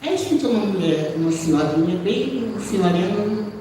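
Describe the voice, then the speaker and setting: A woman's voice: medium pitch, animated, moderate pace, mellow. A woman missionary giving a church testimony, telling her story conversationally, often ending phrases with "né?" and acting out the voices of the people she quotes. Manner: acts out quoted dialogue within her story. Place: church hall. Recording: echoey church hall, voice far off, faint background noise.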